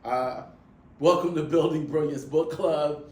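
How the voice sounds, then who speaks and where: A man's voice: a little high, a little slow, recorded from a distance. A man hosting a book club, chatting casually and telling a story with lots of expression in his voice. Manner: animated storytelling, voice rising and falling with excitement. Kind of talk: casual chat. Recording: echoey room with faint background noise.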